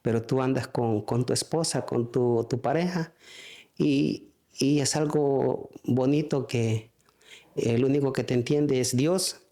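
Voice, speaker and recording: A man with a mid-range, dark-toned voice gives a spoken church testimony. He speaks haltingly, with frequent restarts and fillers.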